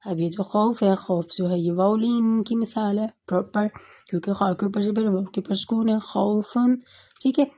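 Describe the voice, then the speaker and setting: A woman tutor patiently explaining a tajweed lesson, often checking in with "okay", slowing down to recite verses. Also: medium pitch, steady tone, warm tone. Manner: patient, repeats "theek hai" often; slows down to recite Quranic verses.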